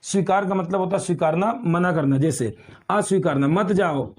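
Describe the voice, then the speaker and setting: In an online exam-prep lecture, a man teaches grammar slowly, repeating examples and addressing his students as beta. His voice is high-pitched and a little mellow.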